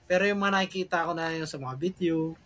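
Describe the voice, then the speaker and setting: A man's voice: on the high side, fast talker, fairly bright tone. A man from the Philippines co-hosting a podcast in casual, rambling chat that keeps switching languages and breaks into laughs. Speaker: podcast co-host.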